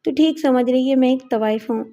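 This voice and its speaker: A woman voicing a courtesan who speaks frankly and gently. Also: high-pitched.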